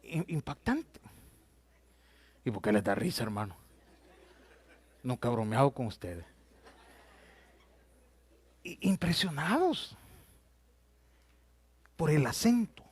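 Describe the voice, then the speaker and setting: A man's voice: medium pitch, sing-song, slow pace, long pauses, husky. A male pastor, telling stories in a sermon and often addressing his listeners as "brother". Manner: storytelling, addresses listeners as "hermano".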